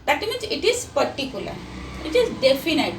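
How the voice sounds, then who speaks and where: A woman with an Indian English accent teaches grammar at an unhurried pace, her high voice rising and falling a lot. She spells words out letter by letter. The mic sits away from her in an echoey room with a faint hum behind. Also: wildly swooping pitch. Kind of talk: grammar lesson for children. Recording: roomy, distant mic, faint background hum.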